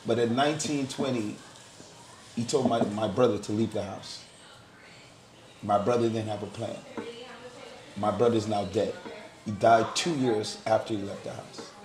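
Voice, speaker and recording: A man's voice: on the low side, fairly even intonation, normal speed, pauses often, a little mellow, soft background music. A middle-aged man from Guyana sharing his story in a candid group discussion, stressing points by repeating words. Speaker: panel speaker. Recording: roomy sound with crowd murmur. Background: crowd murmur.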